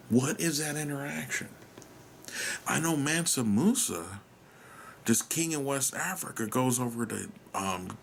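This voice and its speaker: An American podcast host with a medium-pitched voice and vocal fry delivers a meandering solo monologue over a little hiss or hum. He muses and interrogates his own thoughts, trailing off, sometimes dropping into a whisper and swearing offhandedly.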